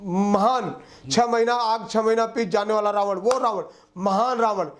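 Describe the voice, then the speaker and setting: A man's voice: sits high, moderate pace. A man, co-hosting a casual film review chat in a blunt, rustic, emphatic way with crude slang.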